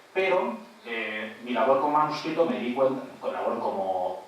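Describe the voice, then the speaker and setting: Man lecturing in an echoey auditorium. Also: medium pitch. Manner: explanatory, tags points with "¿eh?" and "muy bien". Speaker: panelist at an academic round table. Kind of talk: conference presentation. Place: large auditorium. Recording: echoey hall picked up from far off, faint noise.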